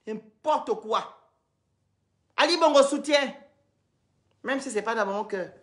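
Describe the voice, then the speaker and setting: Woman ranting on her live stream, scolding and repeating herself, voice sits a bit high. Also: takes it slowly. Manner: scolding, repetitive, lecturing. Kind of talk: heated live-stream rant.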